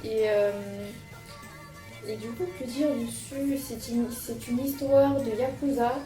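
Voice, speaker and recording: In a slow, warm, steady voice that's a little high, a young woman casually shows her recent manga buys on her vlog. She hesitates, uses lots of fillers, and restarts often, recorded in an echoey room with background music.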